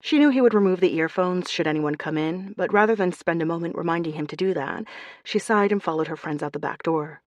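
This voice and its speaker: Audiobook read: a woman with a low voice and close, dry sound, steady narration. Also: a little fast, no room sound, dull audio. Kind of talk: scripted narration.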